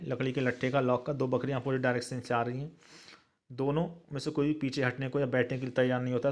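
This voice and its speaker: Man slowly explaining an English lesson. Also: mid-range voice, fairly bright tone. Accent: Indian English. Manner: slow, word-by-word dictation of English with Hindi translation. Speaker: teacher.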